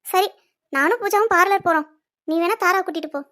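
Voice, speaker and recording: A loyal, exasperated young woman in a cartoon serial. Her voice is very high, and she scolds and insists. She pushes her friends to talk plainly. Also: brisk, bright, forceful tone. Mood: scolding.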